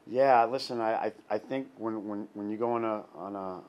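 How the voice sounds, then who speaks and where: Deep-voiced middle-aged coach guy, lots of ums and restarts, lapel mic. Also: darkish tone, slight background noise. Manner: halting, many restarts and fillers. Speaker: head soccer coach. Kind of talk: post-game interview. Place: indoor press backdrop. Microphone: clip-on lapel mic.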